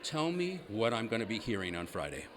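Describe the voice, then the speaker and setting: A man's voice: fairly low pitch, big pitch swings, brisk, background noise. A man hosting an on-location interview, asking upbeat leading questions.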